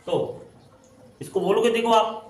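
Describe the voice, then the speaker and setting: A man's voice: high-pitched, steady tone. A man teaching English pronunciation in a classroom style, repeating and drawing out words as he explains. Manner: repetitive, drawn-out spelling out of words. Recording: echoey room from far off.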